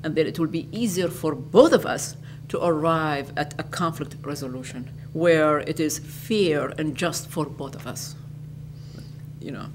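An older woman from Iraq, an educator giving interview answers in a lecture hall, speaking in a measured way and restating her phrases. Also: sits low, slight background noise.

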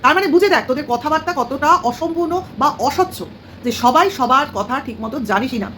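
A woman's voice: sits high, animated, a little fast, fairly bright tone, slight background noise. A woman vlogger with a Bengali accent delivering a heated monologue. She talks straight at the person she is criticising, scolding and sarcastic. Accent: Bengali, Kolkata area. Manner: scolding, sarcastic, addresses the target directly with informal "tui". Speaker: vlogger commenting on another creator.

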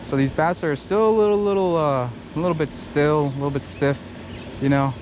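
A young man, chatting casually and excitedly while fishing from rocks at a park pond, rambling through explanations with lots of fillers. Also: on the high side, fairly quick, background noise. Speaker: fishing vlogger. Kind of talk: casual outdoor fishing vlog. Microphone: head-mounted action camera.

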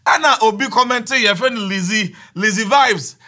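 A man hosting a radio chat show, excitable and laughing often as he mixes languages. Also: high voice, normal speed.

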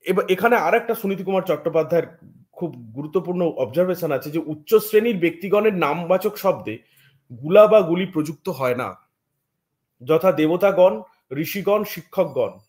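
A man's voice: high voice, animated, moderate pace, darkish tone. A Bengali man lecturing as a teacher, explaining step by step and checking in with his listeners often. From West Bengal. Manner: explains step by step, frequent "thik ache" check-ins. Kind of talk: academic lecture.

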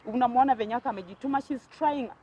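A woman's voice: a little high, very fast, warm tone, slight background noise, low-quality recording. A woman from Kenya with a Kenyan accent, hosting a talk show and addressing viewers in an emphatic, earnest way. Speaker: host.

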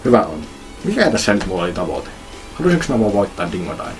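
A man's voice: deep voice, sing-song, over music. A man commenting on his racing game with rambling jokes and mild swearing. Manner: rambling, jokey, swearing, mock-pleading. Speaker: let's play gamer. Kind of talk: let's play commentary.

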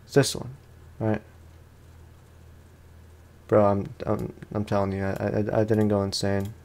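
A gaming streamer offers casual let's play commentary, informal and slangy, often repeating his phrases. His voice is on the low side, monotone, unhurried and a little mellow.

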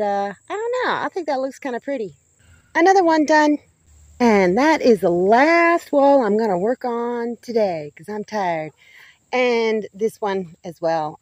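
Filming her homestead outdoors, a middle-aged woman vlogs in a casual, folksy way and now and then talks to her chickens. Her mid-range voice has a darkish tone with no echo, captured by a handheld camera or phone held at arm's length.

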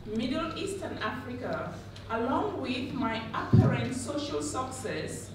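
A woman's voice: a little high, background noise. A woman hosting a summit session, introducing the next speaker and reading her biography from a booklet with a few fillers. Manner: reads a prepared biography with fillers. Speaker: event host introducing a speaker. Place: large conference room with audience. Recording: echoey hall, captured from far.

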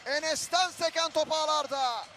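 A man giving excited, screaming live football play-by-play commentary. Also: very high-pitched, moderate pace, faint music behind. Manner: excited, screaming at goals and chances. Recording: noisy stadium ambience behind the voice.

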